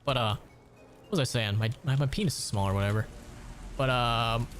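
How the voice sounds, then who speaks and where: A man's voice: mid-range voice, moderate pace, fairly bright tone, faint music behind. A man in his late twenties from Ohio, chatting casually and profanely while gaming on a stream. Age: late 20s. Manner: rambling, profane storytelling.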